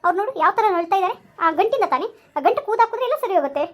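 A woman's voice: very high-pitched, animated, rapid-fire. A woman playing a scheming mother-in-law who lectures in a falsely sweet, bossy way in a comedy skit. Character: scheming mother-in-law posing as social worker.

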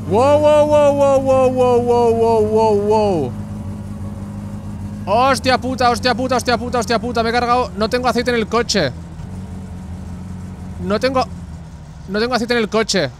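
Male gamer, excitable and sweary, fairly high voice, live gameplay commentary. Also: noisy background. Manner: excitable, swears often, shouts at the screen.

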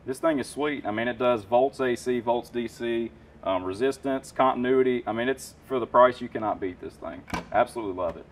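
This HVAC technician, a man in his thirties, talks tools with relaxed enthusiasm and plenty of fillers among the shelves of a warehouse parts room. His mid-range voice moves fairly quickly. The mic sits far away and picks up slight hiss or hum.

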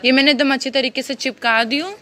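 This cooking vlogger, a young woman, talks fast in a high, steady, slightly bright voice. In a casual, chatty way with many fillers, she demonstrates a home recipe step by step, shot on a phone camera pointed down at her hands in her kitchen.

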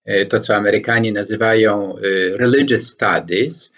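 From his bookshelf-lined home study, a Polish man in his sixties gives a reflective lecture to camera as a scholar commentator, his voice lowish and fairly bright. He speaks slowly and deliberately, often pausing with hesitation fillers as he chooses his words, and gestures with both hands. The webcam or laptop mic frames him head-and-shoulders, and the sound is dull and lo-fi.

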